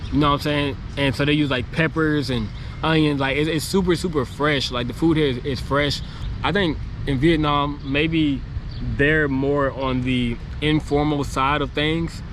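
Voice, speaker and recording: A travel vlogger, a man who is losing his voice, rambles chattily to camera on a city street near construction, full of fillers. His voice sits on the high side and fairly bright, with a steady tone and moderate pace. The noisy recording picks up passing traffic and street noise.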